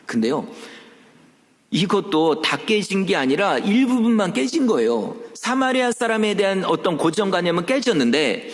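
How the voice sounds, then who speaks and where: A male pastor delivers a lively sermon, his slightly high voice rising and falling dramatically. He poses rhetorical questions and acts out the voices he quotes. The sound carries a long reverb from the church hall. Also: moderate pace. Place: church sanctuary.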